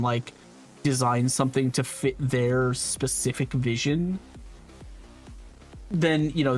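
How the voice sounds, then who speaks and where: A male illustrator from New York talks casually on his art stream. He rambles and works his thoughts out as he goes, at an ordinary mid pitch. Faint music plays behind. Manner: rambling, thinking aloud. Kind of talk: casual chat on a live stream.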